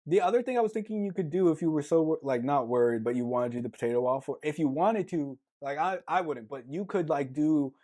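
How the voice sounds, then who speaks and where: A man co-hosting a casual podcast conversation, his voice sitting somewhat high for a man. He rambles as he thinks aloud, stringing thoughts together with constant "like" and trailing restarts. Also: quick pace, hardly any pauses, mellow. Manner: rambling, filler-heavy, lots of "like". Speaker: podcast co-host. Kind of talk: casual chat.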